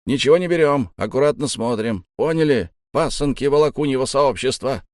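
A man's voice: medium pitch, brisk, no echo, studio quality, voice pushed up, natural voice. A man voicing a curt ship officer giving orders. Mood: commanding. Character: commanding male ship officer.

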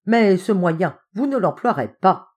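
A woman doing an excitable triumphant young man. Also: high-pitched, unhurried. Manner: eager, insistent and rhetorical. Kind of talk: audiobook character reading.

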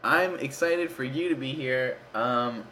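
A man's voice: mid-range voice, measured pace, a crowd in the background. Giggly male show host. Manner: laughs often, plays the eager straight man. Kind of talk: casual comedy sketch.

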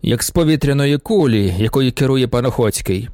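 A man reading an audiobook and voicing an idle young gentleman who mocks and sighs. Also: medium pitch, a little fast, no echo, clean studio sound, close to an everyday voice. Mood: mocking. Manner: mocking, sighing.

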